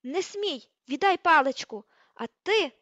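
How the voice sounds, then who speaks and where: Brief: woman narrator doing a fierce teen witch girl, high shrill scolding shouts, dry slightly dull recording. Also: expressive, unhurried, dry recording, full character voice. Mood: furious shouting. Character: furious teenage girl witch, fierce and sharp-tongued.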